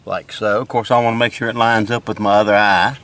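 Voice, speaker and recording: Low-voiced older man by a lake. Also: steady tone, fairly quick, fairly bright tone. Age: older, retired. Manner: folksy, plain-spoken. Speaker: fishing vlogger. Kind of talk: casual outdoor fishing chat and demonstration. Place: outdoors by a lake, out on the water.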